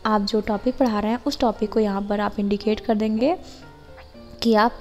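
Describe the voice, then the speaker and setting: A woman's voice: mid-range voice, steady tone, darkish tone. Indian woman explaining a lesson plan. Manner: reads quoted English lines very slowly and deliberately. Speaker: teacher-training tutor. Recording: muffled with long reverb, music behind.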